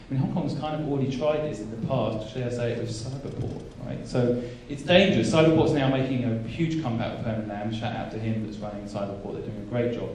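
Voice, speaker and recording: Recorded from afar in a reverberant hall, with slight hiss or hum, a panelist from England who works as an angel investor makes forceful, direct points and frequently starts his sentences over. He has a mid-range voice with a dark tone.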